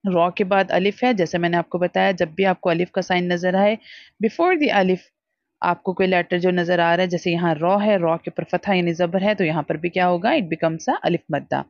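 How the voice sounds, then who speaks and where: A woman teaching Quran reading in a recorded online lesson. She draws out each letter sound slowly, then explains quickly, slipping into English now and then. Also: fairly low pitch, steady tone, no echo. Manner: slow, drawn-out letter recitation between brisk explanations, mixing English. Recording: dull lo-fi dry recording.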